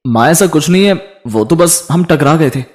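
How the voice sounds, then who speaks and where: Guy doing a nice young husband, lively up-and-down voice, storybook. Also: on the high side, normal speed, close to an everyday voice. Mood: reassuring.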